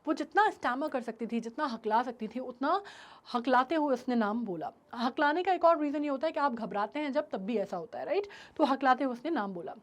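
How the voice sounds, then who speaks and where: A woman's voice: high voice, animated, a little fast. A woman, teaching an English story and retelling it in a mix of Hindi and English, often checking in with her class. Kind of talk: explaining a story in a recorded class.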